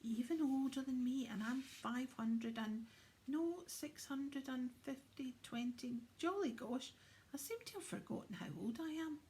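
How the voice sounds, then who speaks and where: A woman voicing a huge, jolly, bumbling old Santa who talks in excitable old-fashioned exclamations, for a children's storybook. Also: high-pitched, unhurried, voice pushed up. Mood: flustered.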